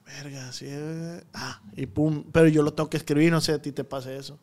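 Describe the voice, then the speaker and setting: A man's voice: on the high side, steady tone, fairly quick, darkish tone. A man from Mexico, hosting a casual podcast chat in a loose, slangy way with lots of fillers and restarts. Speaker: podcast host and comedian.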